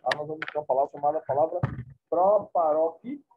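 A man's voice: fairly high pitch, level tone, racing, a little hiss or hum. A man teaching a class, explaining points informally and often checking in with his students. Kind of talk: classroom lecture. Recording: tinny phone-like recording.

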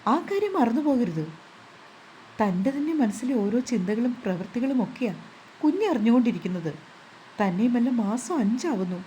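A woman voicing a gentle young husband who speaks in a soothing, reassuring way. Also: fairly high pitch, slight background noise, natural voice, poor audio.

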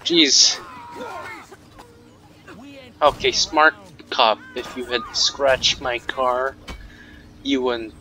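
A man's voice: mid-range voice, steady tone, drawn-out words, long pauses, a little hiss or hum, low-quality recording. A man giving joking, sarcastic commentary while he plays a video game. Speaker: gameplay commentator. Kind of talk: let's play commentary. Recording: game sounds loud behind voice.

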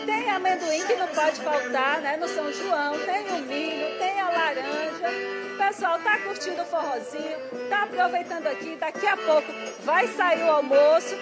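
A woman TV field reporter, chatting lively on air from an outdoor event. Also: extremely high pitch. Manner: lively, chatty, addresses anchor often. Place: outdoor community restaurant with live forró band. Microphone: handheld TV mic, masked. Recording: loud forró music and crowd behind.

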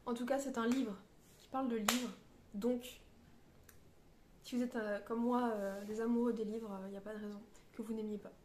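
A woman's voice: fairly high pitch, fairly even intonation, normal speed, darkish tone, echoey room, slight background noise. A woman reviewing a novel in a casual book vlog, hesitant and searching for her words, with many fillers and restarts. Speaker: book vlogger. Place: on a beach.

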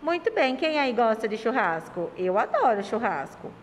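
In a remote lesson for young children, a Brazilian woman teacher speaks in a slightly high, sing-song voice, slowly stretching out words and syllables and repeatedly asking affectionate questions. The recording carries a long room reverb and faint background noise.

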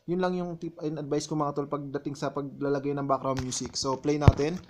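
A vlogger with a fairly high voice explains his editing in a relaxed, chatty tutorial voice-over, speaking a little fast. He takes listeners through each step and keeps calling them "tol" as if they were old friends.

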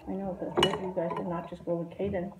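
A woman's voice: fairly low pitch, little pitch movement, fast talker. A middle-aged woman chatting casually at a family meal. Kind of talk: casual chat. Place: home dining room, indoors. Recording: roomy, very noisy with dish clatter. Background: clinking dishes and pots.

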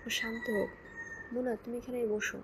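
A woman voicing a kindly young woman who speaks softly and gently to calm a girl. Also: a little high, normal speed, noisy background, natural voice. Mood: gentle. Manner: soft, gentle, near-whispering.

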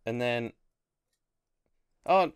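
A man's voice: medium pitch, lively intonation, very slow, smooth, no echo, clean studio sound. A young man co-hosting a casual podcast chat, rambling with many fillers and restarts. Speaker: podcast co-host.

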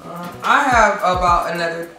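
A woman's voice: fairly low pitch, moderate pace, pushed and bright. A woman reviewing a beauty product in a playful, joking way while talking with a face mask on. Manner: playful, joking, laughing often. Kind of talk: casual product review chat. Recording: very echoey room, distant mic, music behind.

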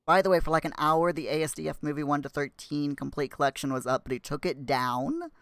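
A man's voice: on the high side, fairly even intonation, brisk, fairly bright tone, clean tone, no echo. A man chatting casually while live-streaming a game, rambling and restarting his sentences.

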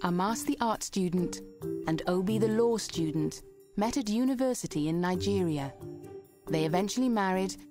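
A woman reading scripted documentary narration in a measured, even way. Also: mid-range voice. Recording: music clearly under voice-over.

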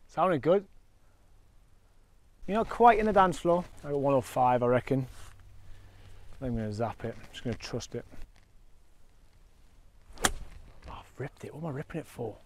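A man hosting a golf round outdoors, chatting casually with lots of self-mocking groans and loud reactions. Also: mid-range voice, expressive, normal speed, long pauses. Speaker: golf channel host. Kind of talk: casual on-course banter.

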